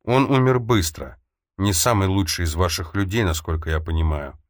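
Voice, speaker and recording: A man's voice: sits low, normal speed, dry recording, studio quality, natural voice. A man reading the lines of an angry young man who speaks in an icy, accusing tone. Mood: cold. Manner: icy, furious.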